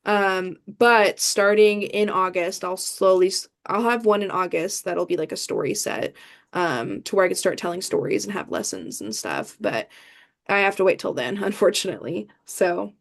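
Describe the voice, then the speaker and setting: This Midwestern American idol performer, a young woman guesting on an interview, has a medium-pitched, expressive, creaky voice at normal speed. She chats through her answers with lots of fillers and false starts.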